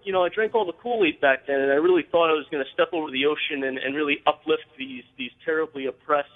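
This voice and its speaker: A man calls in to a radio show, his voice squeezed through a thin, tinny phone line with a long reverb trailing behind it. He speaks quickly in a slightly high register, earnest and halting, full of fillers and restarts. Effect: call-in phone line on air. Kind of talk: call-in radio chat.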